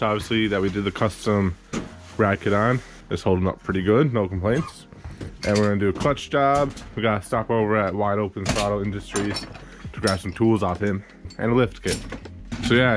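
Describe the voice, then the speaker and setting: A man's voice: fairly low pitch, steady tone, brisk, background noise. Easygoing man joking through a garage vlog. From Newfoundland, Canada. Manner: joking, laid-back banter. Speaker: vlog host. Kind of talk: casual shop vlog. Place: small cluttered garage workshop.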